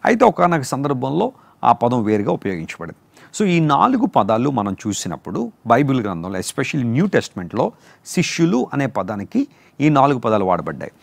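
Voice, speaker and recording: Man, pastor, slow repeating sermon delivery, lively pitch. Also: creaky, dry recording. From India. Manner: explains terms slowly, repeating and spelling out each word. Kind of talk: sermon teaching on word meanings.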